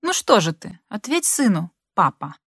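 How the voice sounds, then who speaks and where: Woman voicing a shrill, wounded wife. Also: very animated, normal speed, fairly bright tone, slightly rough, no room sound, studio quality, heavily acted. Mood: bitter. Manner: shrill, accusing. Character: hurt, furious young wife.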